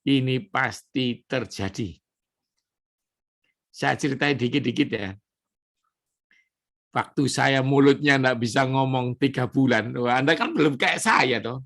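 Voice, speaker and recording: A male pastor delivers an evening prayer sermon. He preaches emphatically, turning from solemn scripture reading to loose, conversational asides to the congregation. His voice sits at a middle pitch for a man. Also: measured pace, creaky, pauses often, a bit bright.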